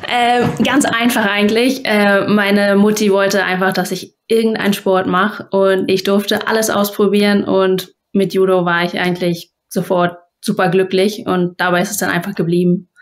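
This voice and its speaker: A woman's voice: medium pitch, flat delivery, normal speed, few pauses. A young woman from Germany, a guest athlete, answering interview questions casually over a video call in a plain, matter-of-fact way.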